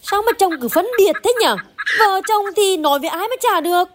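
A woman's voice: extremely high pitch, expressive, fairly quick. A woman playing a struggling village wife who speaks earnestly and pleads with her husband. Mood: pleading. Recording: noisy outdoor skit recording.

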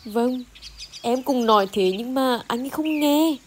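A woman's voice: sits high, unhurried. A woman playing a struggling village wife who speaks earnestly and pleads with her husband. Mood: worried. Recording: noisy outdoor skit recording.

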